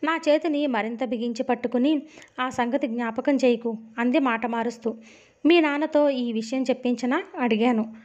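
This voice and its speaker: A woman narrating a novel aloud with a Telugu accent, in a steady storytelling manner, lightly voicing the dialogue. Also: a little high, normal speed, dull audio.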